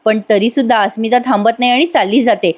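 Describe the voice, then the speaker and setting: A woman's voice: on the high side, a little fast. A woman giving a chatty voice-over recap of a TV serial, talking to viewers directly. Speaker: TV serial reviewer.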